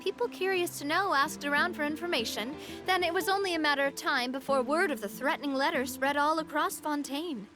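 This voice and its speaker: A woman's voice: high-pitched, a little fast, few pauses, music in the background, natural voice. An actress playing a confident young woman who leads a group in a video game, talking in a breezy, self-assured way.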